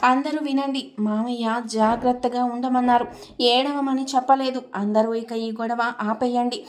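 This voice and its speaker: A woman narrator plays a firm, protective younger sister in a told story. She speaks earnestly and scolds sharply, her voice slightly high and held flat. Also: normal speed, lightly acted.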